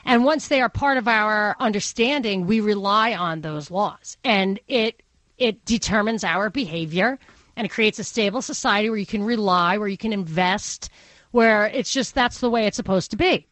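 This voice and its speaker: A woman's voice: mid-range voice, moderate pace, a bit bright, no room sound. A woman with a Brooklyn accent hosting a radio talk show, speaking conversationally and thinking aloud in opinionated digressions. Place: radio studio. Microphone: close studio microphone.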